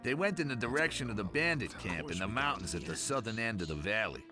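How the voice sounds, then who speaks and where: An uneasy old sea hand, animated pitch. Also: male voice, quick pace, music in the background. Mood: uneasy, confiding. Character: superstitious former seafarer, a gossipy farmhand. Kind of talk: video game dialogue acting.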